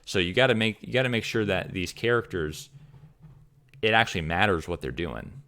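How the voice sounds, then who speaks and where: Low voiced dude reacting live on stream, rambly, lots of "right?". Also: male voice, animated, normal speed, pushed and bright. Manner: rambling, repeats words, asks "right?". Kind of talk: casual live-stream commentary.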